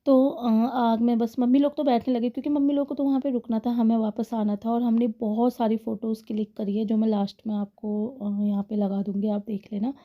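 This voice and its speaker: A woman's voice: fairly high pitch, flat delivery, brisk, hardly any pauses, narrow, tinny audio. Chatty woman vlogger narrating a voice-over. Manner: chatty, laughs often, addresses viewers as guys. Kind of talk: casual vlog voice-over.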